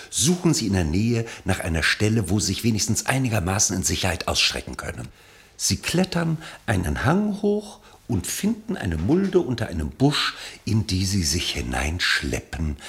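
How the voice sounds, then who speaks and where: A man narrates a radio play as a literary storyteller, his delivery ironic and elevated. His low, gravelly voice is fairly bright in tone and rises and falls expressively.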